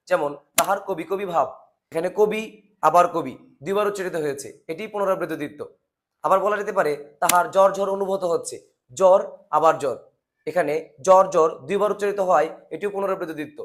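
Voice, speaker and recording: A man's voice: high voice, slight background noise. A man teaching a grammar lesson, asking rhetorical questions and answering them himself.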